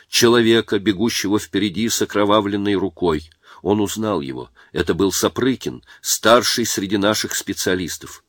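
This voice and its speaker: A man narrating a war story in a measured, dramatic reading. His voice sits low, and the sound is dry and close with no room echo.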